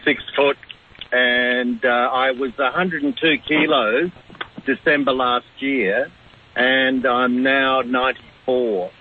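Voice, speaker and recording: A man's voice: mid-range voice, fairly even intonation. Hesitant caller in his fifties on a speakerphone, tinny phone line with faint hiss. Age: 50s. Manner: hesitant, with many pauses and fillers. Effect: on a speakerphone over a phone line.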